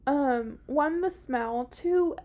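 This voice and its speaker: High-voiced woman, thick Southern accent. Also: a little slow, phone-quality sound. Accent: thick American Southern. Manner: irreverent, sweary, sardonic. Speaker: true crime podcast host. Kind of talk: casual storytelling chat.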